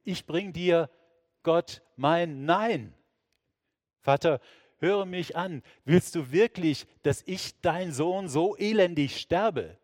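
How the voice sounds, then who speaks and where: A man's voice: a little high, slow, a little mellow, dry recording, studio quality, big-room sound, pitched above the performer's own voice. A man voicing an anguished figure pleading desperately in prayer, in a raised, emotional tone.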